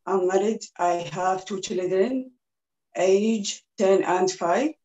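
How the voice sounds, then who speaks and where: A woman in her thirties from Iraq, speaking English as a second language with a slow, halting delivery full of pauses, introducing herself on a video call as she teaches a cooking class from her kitchen. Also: mid-range voice, darkish tone, dull audio. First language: Arabic. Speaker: home cook teaching a cookalong. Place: small kitchen indoors. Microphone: laptop video call.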